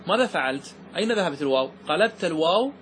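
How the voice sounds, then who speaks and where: A man teaching grammar, asking the class questions and slowing down to stress key words. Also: on the high side, animated, fairly bright tone, slight background noise. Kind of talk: classroom lesson explaining verse.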